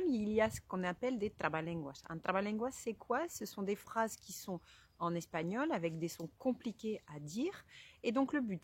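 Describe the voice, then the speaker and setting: A woman teacher calmly explaining pronunciation rules step by step to learners. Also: mid-range voice, dry recording. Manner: clear, methodical explaining, addresses learners directly. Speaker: Spanish teacher. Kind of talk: explaining a language lesson to camera.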